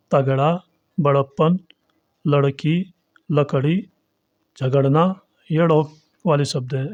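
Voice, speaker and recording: A man teaches pronunciation in a slow, deliberate way, spelling out word after word for his students. His voice sits a little high yet sounds mellow. The recording is muffled and lo-fi, dry with no room sound. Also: no echo. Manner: slow, deliberate, repeats example words one by one. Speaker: Hindi teacher. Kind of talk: pronunciation lesson.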